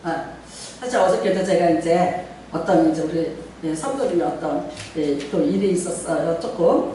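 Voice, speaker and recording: A middle-aged woman pastor preaching a sermon in a chatty, animated way, often laughing as she talks. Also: fairly low pitch, slight background noise. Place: church sanctuary. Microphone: distant from the mic. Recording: very echoey church hall from far off.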